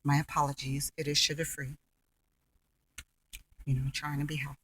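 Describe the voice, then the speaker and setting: A woman's voice: low-pitched, flat delivery, moderate pace, a bit bright, distant mic, slight background noise, low-quality recording. A middle-aged woman talking casually and candidly to camera as a vlogger, earnest and chewing gum as she speaks. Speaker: vlogger sharing her health journey. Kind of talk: casual personal talk to camera.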